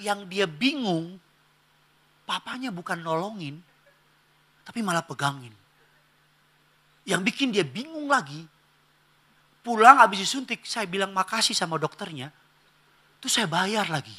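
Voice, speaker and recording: A man preaching a sermon in a church, animated and humorous, swinging between loud exclamations and hushed asides and acting out family dialogue. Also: sits high, a little slow, pauses often, breathy edge. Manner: acts out family dialogue in character voices. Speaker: pastor.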